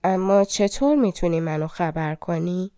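A woman's voice: fairly low pitch, animated, warm tone, clean tone, no room sound, studio quality, natural voice. A woman voicing a worried, childless queen in a storybook reading, speaking earnestly and with doubt. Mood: eager. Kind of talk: audiobook fairy tale reading.

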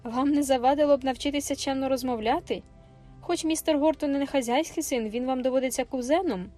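A sharp-tongued servant woman snaps back with a firm, scolding edge in a raised voice, as a woman narrator puts her on. Faint music sits under the audiobook. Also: high voice, quick pace, pitched above the performer's own voice, lightly acted.

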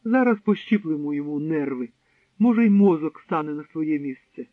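A man's voice: a little high, expressive, fairly quick, no echo, natural voice. A man reading an audiobook, voicing an arrogant, cruel German SS captain who barks and boasts. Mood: pompous. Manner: barking, shouting, pompous. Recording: dry, tinny narrow-band sound.

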